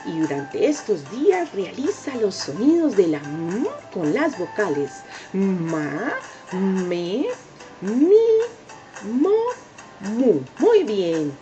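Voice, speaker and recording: A woman's voice: mid-range voice, very animated. A woman teaching young children letter sounds, drawing out each syllable, praising often and coaxing them to repeat. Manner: drawn-out sounds, sing-song praise, coaxing repetition. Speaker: preschool teacher. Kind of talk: slow, exaggerated phonics lesson for young children. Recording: dull lo-fi home recording with soft music.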